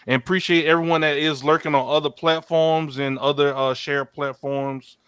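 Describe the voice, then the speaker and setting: A man's voice: a little high, fairly even intonation, moderate pace, fairly bright tone, smooth, dry recording. A man co-hosting a live-stream podcast in a laid-back way, greeting the chat and talking casually with frequent fillers. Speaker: podcast co-host reading out chat.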